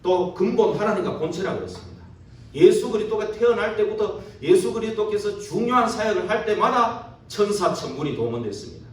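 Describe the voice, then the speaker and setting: A man preaches to his congregation in a fairly high voice that swings widely in pitch, asking rhetorical questions and checking for agreement with tag questions. He sounds distant from the mic, and his words ring through a very echoey church hall over a faint hiss. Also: expressive, fairly quick. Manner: poses rhetorical questions to the listeners. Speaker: pastor. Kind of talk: sermon. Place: church sanctuary during a service.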